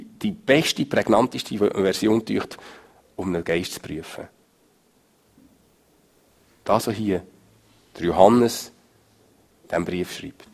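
Gravelly, husky preacher. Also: male voice. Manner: emphatic, swings from loud stress to low murmur. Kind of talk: sermon.

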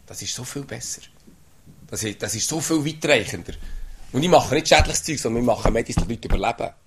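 A man's voice: mid-range voice, expressive, a little fast, a little hiss or hum. A man gives an informal sermon to a small group, talking in a conversational way and often asking "oder?". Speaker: lay preacher.

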